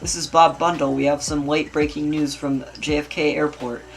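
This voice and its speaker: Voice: mid-range voice, little pitch movement, normal speed, vocal fry, natural voice. An amateur reader voicing a male TV news anchor in a casual script reading, stumbling over hard words. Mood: announcing.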